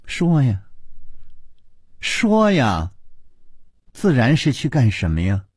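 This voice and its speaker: A mischievous young princess, giggly and teasing, as a male storyteller puts her on, her words coming soft, slow and husky. The dry, close sound keeps every breath near, and the tone rises and falls widely. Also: mid-range voice, wildly swooping pitch, dry recording, pitched below the performer's own voice, heavily acted. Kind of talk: storytelling with voiced characters.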